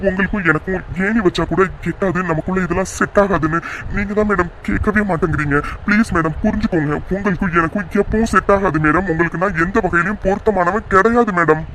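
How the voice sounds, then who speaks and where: A humble young driver, voiced by a man in a cartoon serial, speaking politely in a fairly high voice. He pleads and keeps his manner respectful. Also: fast, a bit bright, a little hiss or hum, rough recording. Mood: pleading.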